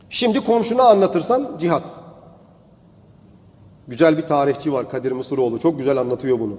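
A male preacher delivers a sermon as a story, often rising into emphatic declaiming. His voice sits high for a man. It carries a long reverb, as if spoken in a large hall. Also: a little mellow.

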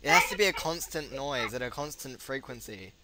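A man's voice: mid-range voice, expressive, brisk. A young man chatting and joking as he plays a video game, teasing his friends and laughing often. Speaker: gamer recording a let's play. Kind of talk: casual gaming chatter. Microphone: desk mic with friends talking nearby. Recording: noisy room with chatter behind. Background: friends laughing and shouting.

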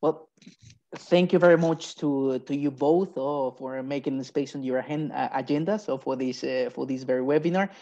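A man's voice: mid-range voice, moderate pace, dark tone, muffled recording. A man with a non-native English accent, hosting a webinar with polite, hesitant, filler-heavy speech. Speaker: webinar moderator. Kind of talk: webinar moderation. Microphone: video call.

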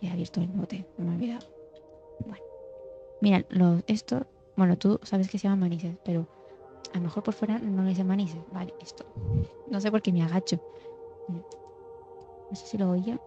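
Young gal streaming a game, chatty and mumbly, kinda dull mic, faint music behind. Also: female voice, mid-range voice, fairly even intonation, brisk, pauses often. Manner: chatty, muttering, drops to mock ASMR hush. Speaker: gaming streamer. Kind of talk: casual gameplay chat.

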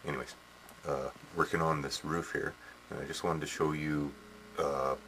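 Very deep-voiced man rambling. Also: little pitch movement, moderate pace, a bit bright. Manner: rambling, many fillers and restarts, tags "eh". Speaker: hobby modeler. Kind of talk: casual workshop demo. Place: small indoor workshop. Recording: noisy home camcorder audio.

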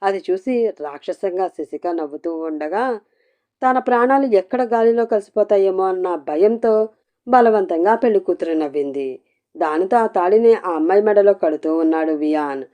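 A woman storyteller reading a scripted tale aloud. Her voice is mellow and warm, mid-pitched, with an even, expressive delivery. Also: normal speed.

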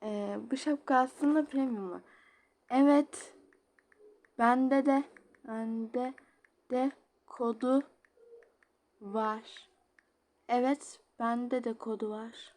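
A woman's voice: a little high, steady tone, drawn-out words, long pauses, a little mellow. A woman chatting casually while she plays a game, giggling often and reading chat messages aloud. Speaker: game streamer. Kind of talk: casual gameplay commentary.

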